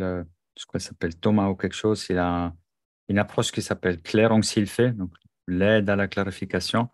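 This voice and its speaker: A native German speaker hosts a conversational podcast interview in French, chatting with his guest and reacting to what they say. His voice is fairly low and slightly mellow, captured in a dry, studio-quality recording.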